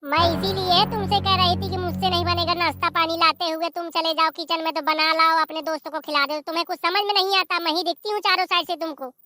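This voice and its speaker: A voice actor playing a sharp-tongued, uneducated village wife in an animated comedy, firing back bossy retorts. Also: very high-pitched, quick pace, hardly any pauses. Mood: snappy.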